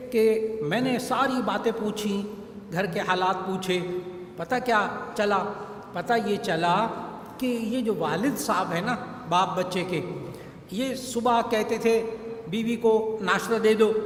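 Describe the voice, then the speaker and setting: High-voiced male preacher in an echoey hall. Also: a bit bright. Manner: storytelling, voicing the people in his story. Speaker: religious scholar on a TV program. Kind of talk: religious lecture with a told anecdote. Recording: echoey hall reverb, voice from a distance, faint background noise.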